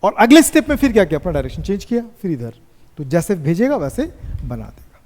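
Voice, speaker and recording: A man teaching physics in a classroom, asking students questions and dictating notes slowly. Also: sits high, huge pitch swings, a little mellow. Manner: slow dictation. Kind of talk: classroom lecture. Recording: echoey classroom reverb.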